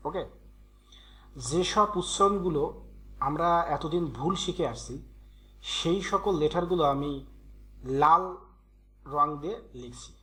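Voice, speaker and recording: A man's voice: a little high, unhurried, long pauses, pushed and bright. A man teaching English letter sounds in a patient, repetitive way, drilling each letter aloud. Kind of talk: Bengali-language grammar tutorial.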